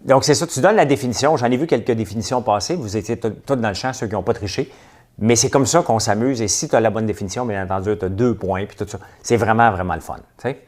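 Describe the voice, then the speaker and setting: A man's voice: lowish voice, fast talker, darkish tone. A man with a Québécois accent hosting a casual livestream chat, rambling and stop-start with lots of hesitations. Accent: Québécois French. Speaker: livestream host.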